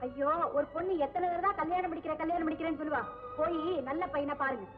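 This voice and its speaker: This is a determined young blind woman, as an actress plays her, who speaks firmly and insistently. Her voice sits high. It reaches us from a distance, with a long hall-like reverb, on a thin, tinny old film soundtrack. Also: fast, over music, lightly acted. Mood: resolute. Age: young adult. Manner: firm, insistent. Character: resolute young blind woman, unmarried daughter.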